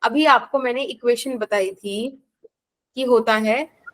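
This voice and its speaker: A woman's voice: a little high, slow, a bit bright. An Indian woman teaching a physics class, explaining patiently and checking in with students by name. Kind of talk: live online class.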